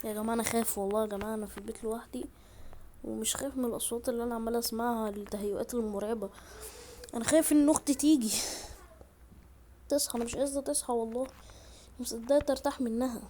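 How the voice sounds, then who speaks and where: A gaming YouTuber with an Egyptian accent gives excitable gameplay commentary, talking fast in a slightly high voice. She addresses her viewers directly from a room at home, a faint hiss audible behind her.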